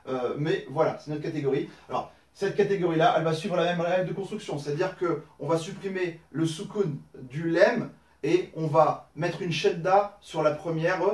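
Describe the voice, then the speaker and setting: A man's voice: a little high, darkish tone, recorded from a distance. A man teaching a recorded lesson, explaining patiently step by step with many fillers. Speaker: Arabic teacher. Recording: roomy echo, voice from off-mic.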